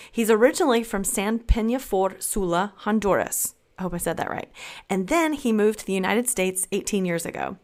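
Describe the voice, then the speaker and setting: A woman hosting a children's faith podcast, talking cheerfully and slowly to kids. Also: medium pitch. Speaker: podcast host.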